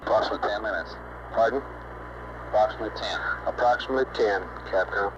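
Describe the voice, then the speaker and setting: A man's voice: lowish voice, fast. An American man as flight director, talking in a clipped, businesslike way on an astronaut radio intercom loop. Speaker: flight director in mission control. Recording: muffled, noisy mission control intercom.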